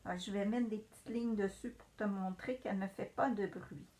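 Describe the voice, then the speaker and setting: A woman's voice: medium pitch, steady tone, normal speed, a little mellow. A woman teacher giving a patient, encouraging reading lesson to young children.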